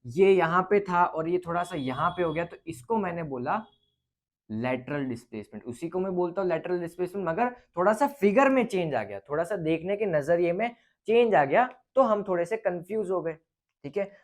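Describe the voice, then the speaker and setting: In a high-pitched voice with lively intonation, a man teaching about light works through a physics question as he thinks aloud. He speaks casually and slowly, pausing often to confirm his students are with him.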